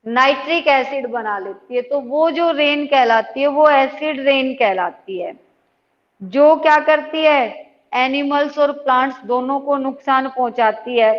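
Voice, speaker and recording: A high-voiced woman teacher speaks slowly and patiently, checking in with her students often. The sound is dull and lo-fi, with a long echo trailing each word. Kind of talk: online class lesson. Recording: dull lo-fi audio with long reverb.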